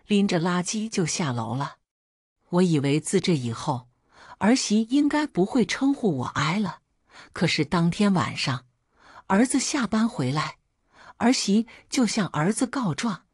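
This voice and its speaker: A woman narrates a long first-person story with a lowish, husky voice that rises and falls a great deal. She recounts her complaints in a steady, aggrieved tone, and the sound is close and dry. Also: a little slow, dry recording.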